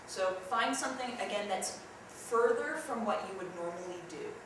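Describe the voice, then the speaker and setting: A woman's voice: mid-range voice, expressive, normal speed. A young woman leading a theatre workshop, chatty and demonstrative, talking to a group of students. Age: young adult. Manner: chatty, demonstrative, jumps into loud yelled examples. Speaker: acting workshop leader. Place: large echoey room. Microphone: distant camera mic. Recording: echoey room from far off, noisy.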